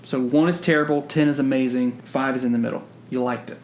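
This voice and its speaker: Brief: woman podcast host, very deep voice, brisk pace, structured questioning, casual review chat. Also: a little hiss or hum. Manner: leads with steady, structured questions.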